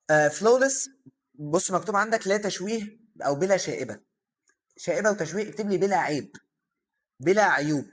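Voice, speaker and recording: A young man with an Egyptian Arabic accent teaching an English vocabulary lesson. He explains each term, asks himself questions and answers them, filling pauses with "aah". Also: a little high. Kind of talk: vocabulary lesson for secondary students.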